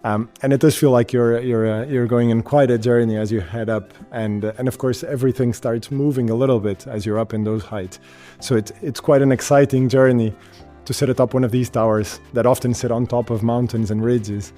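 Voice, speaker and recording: A man from Portugal, an industry representative, explaining in an interview in a halting way that repeats words at the start of phrases. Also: mid-range voice, steady tone, mellow, soft background music. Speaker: wind energy company representative.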